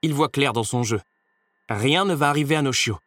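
A man voicing a calm, reassuring father dalmatian in a storybook reading. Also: mid-range voice, moderate pace, no room sound, studio quality, natural voice. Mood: soothing. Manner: soothing.

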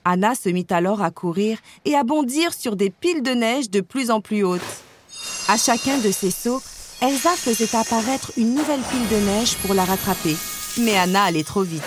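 A woman narrating a children's storybook at a calm, measured pace. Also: a little high, faint music behind. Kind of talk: storybook read-aloud.

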